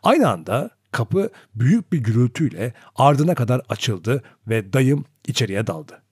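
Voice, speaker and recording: A man reading a novel aloud as narrator, in an expressive, dramatic storytelling manner. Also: medium pitch, moderate pace, slightly rough, no echo, clean studio sound. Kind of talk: audiobook narration.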